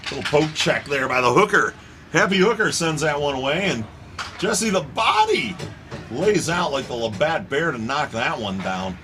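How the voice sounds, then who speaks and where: A man's voice: on the high side, sing-song, moderate pace, noisy background. A man calling an amateur hockey game from the booth, roasting players with playful jokes. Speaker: play-by-play announcer. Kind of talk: joking amateur hockey commentary. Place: rink booth.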